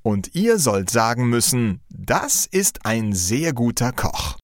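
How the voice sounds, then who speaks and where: A man's voice: mid-range voice, very animated, takes it slowly, no echo, clean studio sound. A man voicing a small, ugly young dwarf who earnestly offers his cooking skill, in a storybook reading.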